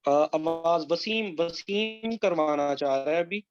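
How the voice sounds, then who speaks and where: A man's voice: a little high, slow. A man coaching candidates in a mock interview over a video call, giving corrections. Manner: instructive, gives corrections. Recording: muffled online call audio.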